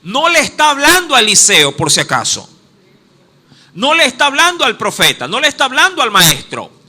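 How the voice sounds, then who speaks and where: A man's voice: very high voice, normal speed. A man with a coastal Ecuadorian accent preaching a sermon, calling listeners "my beloved" and stopping now and then to look up verses. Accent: Ecuadorian coastal (Guayaquil). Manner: animated preaching, addresses listeners as "mi amado"; acts out exclamations, stops to look up verses. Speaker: pastor.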